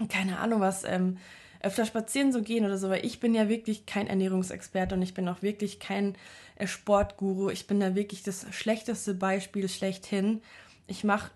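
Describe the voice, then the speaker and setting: A woman's voice: mid-range voice, little pitch movement, moderate pace, a little mellow. A young woman speaking to her viewers in a casual, reflective monologue, giving earnest self-help advice with lots of fillers and restarts.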